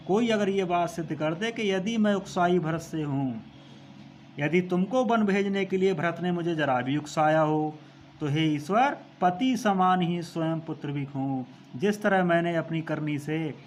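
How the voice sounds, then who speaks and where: Guy teaching a hindi-class poem, slow recited lines then paraphrase, higher voice, bit of hiss behind. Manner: repeats phrases while explaining. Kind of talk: explaining a poem line by line.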